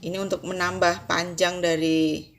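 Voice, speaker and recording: Low-voiced woman giving a tutorial. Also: level tone. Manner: slow, instructive, addresses viewer formally. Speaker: sewing tutorial host. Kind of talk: step-by-step tutorial narration.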